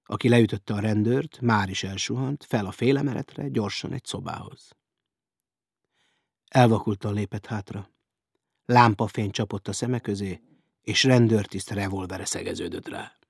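A male narrator reads a crime story aloud with a husky, slightly breathy voice. His delivery is dramatic and vivid, and the recording is close and dry. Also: lowish voice, dry recording. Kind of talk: audiobook reading.

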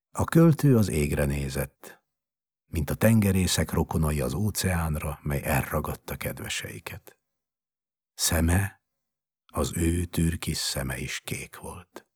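A man narrating a story in an expressive, measured dramatic reading. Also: very deep voice, husky, no echo, clean studio sound.

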